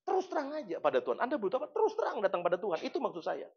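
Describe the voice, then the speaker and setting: A man's voice: sits high, huge pitch swings, rapid-fire. A man preaching a sermon as pastor, speaking in a colloquial, playful way with slang and acted asides. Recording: echoey, muffled church recording.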